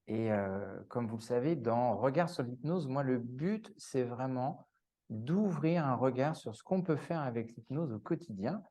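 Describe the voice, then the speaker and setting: A man's voice: medium pitch, expressive, unhurried, warm tone. A man hosting an interview show, introducing his guest with enthusiasm and some fillers. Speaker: podcast host.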